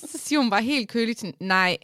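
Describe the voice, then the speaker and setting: A woman's voice: a little high, expressive, no room sound, studio quality. A woman in her thirties, a podcast co-host, telling funny stories in casual chat and laughing often.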